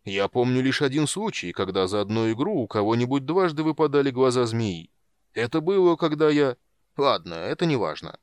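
A man's voice: mid-range voice, animated, fairly quick, smooth, dry recording, pitched above the performer's own voice, lightly acted. Man voicing Dugan, a sheepish gambling dwarf. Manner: rambling, sheepish excuses. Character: sly gambling male dwarf, sheepish and chatty.

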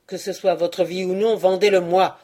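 A woman reading aloud and voicing an arrogant, drunken young lord who speaks in a loud, insulting, domineering way. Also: fairly low pitch, fairly even intonation, normal speed, lightly acted. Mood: scornful.

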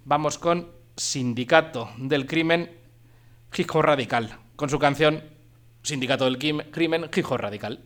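This radio host, a man with a Spain Spanish accent, introduces music while chatting informally and wandering off into digressions. He speaks a little slowly, in a voice that's slightly high.

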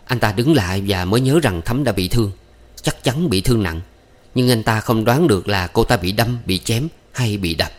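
A man reading a story aloud in steady, measured scripted narration. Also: on the low side. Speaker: audiobook narrator.

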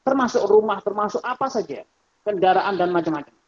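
A man giving a religious study lecture on economics. He talks in a lively, rhetorical way, addresses his listeners directly, and mimics the people he quotes. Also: sits high, fairly quick, husky. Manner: mimics other people's voices when quoting them. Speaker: Islamic scholar and lecturer. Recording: muffled lo-fi lecture recording.

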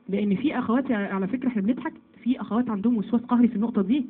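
Fast-talking Egyptian woman on a tinny line. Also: a little high, breathy edge. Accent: Egyptian Arabic. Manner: lively, asks and answers her own questions. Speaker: religious teacher. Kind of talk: Quran commentary lesson to women.

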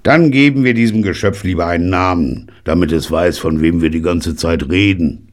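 A man's voice: low-pitched, normal speed, lightly acted. A man reading an audiobook and voicing a cantankerous, scornful 99-year-old grandfather. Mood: brisk. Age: older. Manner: gruff, scornful, blustering.

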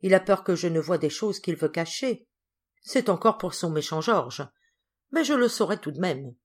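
A woman voicing an irritable, meddling older spinster cousin who talks in a sharp, indignant way in a storybook reading. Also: fairly low pitch, animated, normal speed, husky.

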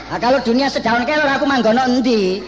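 A woman's voice: fairly high pitch, fast talker, muffled recording, crowd noise, natural voice. A woman with a Javanese accent playing a literal-minded, teasing older uncle in a comic stage drama, heckling in mock puzzlement. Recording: noisy echoing hall stage recording.

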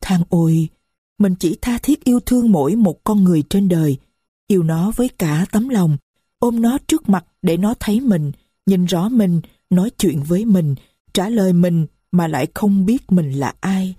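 Low, husky woman narrating somberly. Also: animated, normal speed, mellow, dry recording, studio quality. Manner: somber, grieving, reflective. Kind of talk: first-person audiobook narration.

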